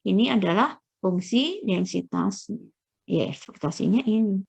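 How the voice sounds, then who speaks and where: A middle-aged woman lecturing through slides, explaining step by step with frequent checking pauses and searching fillers. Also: medium pitch, animated, creaky, a little mellow, breathy edge.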